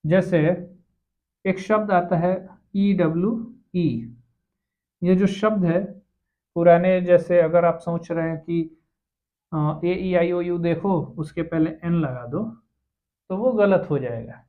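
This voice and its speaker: A man teaching an English grammar lesson, explaining slowly and asking rhetorical questions. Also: high voice. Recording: tinny phone-like sound.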